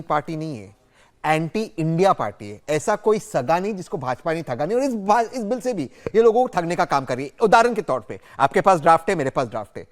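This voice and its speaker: A man speaking as a guest on a heated TV panel debate, arguing insistently and repeating his points. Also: fairly high pitch.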